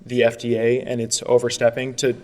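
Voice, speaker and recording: A man presents an appeal in brisk, rapid speech, restarting phrases as he presses his points. His voice carries a long echo through a large courtroom. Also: medium pitch, monotone, darkish tone. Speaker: attorney arguing an appeal. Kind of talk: courtroom oral argument.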